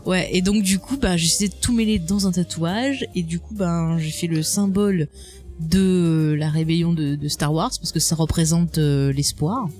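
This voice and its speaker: A woman guest in a casual conversation, chatty and expressive, laughing often and swearing casually. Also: lowish voice, moderate pace, soft background music.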